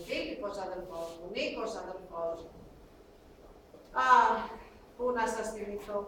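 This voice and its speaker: A woman's voice: on the high side, slight background noise, lightly acted. A woman playing a grieving refugee mother. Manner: halting, lamenting, clipped phrases. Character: grieving refugee mother recounting her family's persecution. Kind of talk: theatrical monologue. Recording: echoey stage hall, mic far off.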